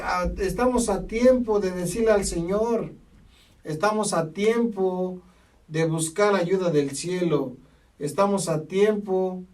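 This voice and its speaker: High-voiced preacher heard from afar. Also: male voice. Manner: emphatic, repeats phrases, punctuates with "amén". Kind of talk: sermon. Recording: voice from a distance from the mic.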